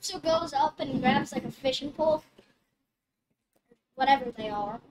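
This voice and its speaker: Woman, high voice, casual role-play narration, tabletop player, noisy room ambience. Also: unhurried, darkish tone.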